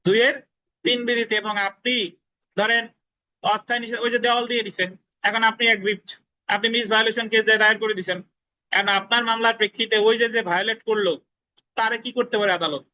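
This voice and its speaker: A man's voice: sits high, fairly even intonation, fast, bright, forceful tone, muffled recording. A man giving a classroom law lecture, repeating key points, asking students whether they understand, and dictating spellings letter by letter. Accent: Bangladeshi Bengali. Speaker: law tutor.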